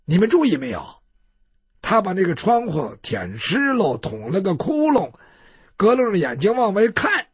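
A sharp-eyed, jovial sworn brother in a spoken tale talks in a lively, husky voice that leaps up and down, as a male storyteller puts him on. He sounds mocking and confiding, and the sound is close and dry. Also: high-pitched, moderate pace, no echo, full character voice. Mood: amused.

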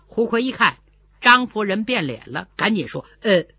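A woman's voice: mid-range voice, very animated, moderate pace, pushed and bright, breathy edge, no echo. A woman telling a traditional story in a dramatic, vivid way, with sound effects she makes with her voice. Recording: dull lo-fi recording.

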